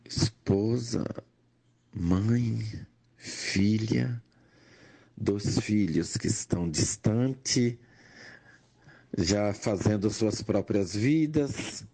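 Older Pernambucan man, nurse-educator; slow, measured testimony with rising emphasis. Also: lowish voice, vocal fry, mellow, slightly rough. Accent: Pernambuco Portuguese. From Brazil, Pernambuco. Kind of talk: personal testimony monologue.

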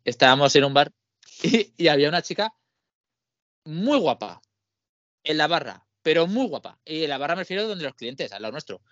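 A man's voice: on the high side, moderate pace, pauses often, dry recording, dull audio. A man with a Spain Spanish accent, casually chatting on a podcast and acting out the people in his anecdotes. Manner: animated storyteller, acts out quoted dialogue. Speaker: podcast co-host. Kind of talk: casual chat, telling anecdotes.

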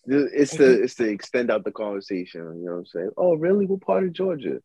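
A man's voice: medium pitch, big pitch swings, fairly quick, warm tone, husky, dry recording. A young man chatting casually, laid-back and musing, with slangy speech. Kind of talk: casual chat.

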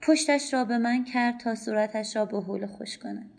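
A woman narrating a short story for a podcast, calm, measured and introspective. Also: a little high. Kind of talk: scripted audiobook narration. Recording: faint music bed under voice.

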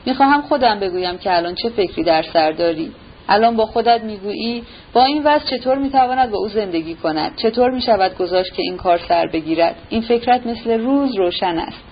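A woman's voice: mid-range voice, lively intonation, natural voice. A woman voicing a brooding, jealous young man who speaks bitterly and sarcastically, in a dull recording with a faint hiss. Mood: sarcastic.

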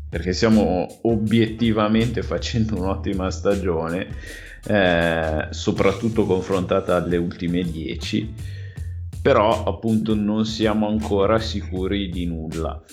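A man's voice: deep voice, expressive, a little slow, faint music behind. A man hosting a podcast with casual football chat, thinking aloud in a hesitant, rambling way. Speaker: podcast host.

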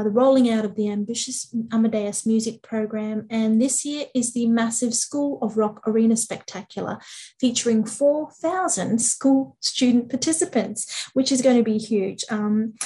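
A woman's voice: fairly high pitch, dark tone. A woman reading a podcast introduction with upbeat enthusiasm. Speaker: podcast host introducing episode.

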